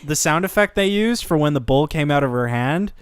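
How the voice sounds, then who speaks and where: A man's voice: a little high, lively intonation, a little fast. A man co-hosting a casual anime discussion podcast, enthusiastic and swearing freely. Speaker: podcast co-host.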